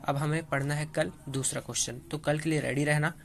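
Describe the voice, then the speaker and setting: A young male tutor talks students through a chemistry lesson step by step. His voice sits a little high for a man. He keeps pausing to check that they are following along. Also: fairly even intonation, creaky. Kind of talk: casual classroom explanation.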